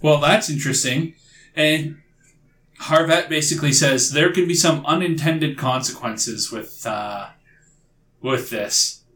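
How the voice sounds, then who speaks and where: A man narrating as game master in a tabletop game, halting and amused as he tells the story. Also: on the high side, fairly bright tone, reverberant. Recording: faint room noise.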